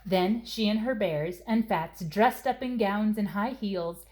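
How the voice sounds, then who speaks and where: Reading a children's tale as narrator, this storybook reader speaks in a mid-range female voice. Her delivery is deliberate and full of expression.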